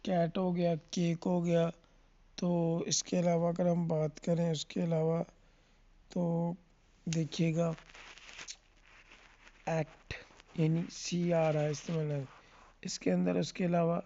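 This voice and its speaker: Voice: mid-range voice, level tone, long pauses, warm tone, dull audio. A teacher giving a classroom lesson on letter sounds, asking questions and answering them and often checking in with the listener. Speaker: English phonics teacher.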